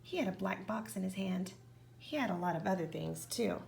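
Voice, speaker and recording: A woman reads a children's picture book aloud, often dropping into a hushed whisper. Her voice is gravelly and sits at a middle pitch. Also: normal speed, slight background noise. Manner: expressive, often whispered narration. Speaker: reader.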